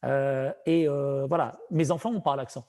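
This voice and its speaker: A man with a strong Saint-Étienne French accent, a business broker giving earnest advice in a relaxed conversation. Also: medium pitch, moderate pace. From France. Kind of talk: casual conversation.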